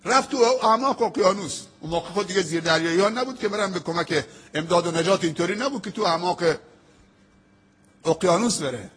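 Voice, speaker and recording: Husky high-voiced male preacher. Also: fairly bright tone. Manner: emphatic storytelling preaching with dramatic pauses, quoting prayers slowly. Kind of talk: sermon.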